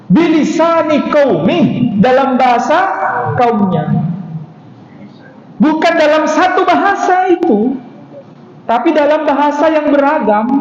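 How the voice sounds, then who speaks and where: A man's voice: very high-pitched, a little mellow. A man teaching a religious study class, asking rhetorical questions and answering them himself. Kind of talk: mosque study lecture. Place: mosque hall. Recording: dull echoey hall recording.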